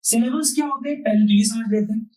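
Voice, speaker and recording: A man's voice: very high-pitched, fast, darkish tone. A man teaching a grammar class. He repeats key points and asks questions that he then answers himself. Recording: roomy, distant mic.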